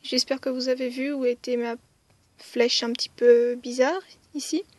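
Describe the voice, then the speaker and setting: A woman's voice: sits high, level tone, moderate pace. A woman teaching a writing lesson step by step, with frequent "euh" hesitations and counting strokes aloud. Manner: counts strokes aloud, softly whispering some counts. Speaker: language teacher.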